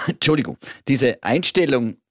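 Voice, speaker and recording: A man's voice: mid-range voice, expressive, measured pace, a bit bright, no room sound, clean studio sound. A man hosting a late-night radio talk show, friendly and chatty, with frequent fillers and restarts. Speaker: radio host. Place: radio studio. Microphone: studio microphone.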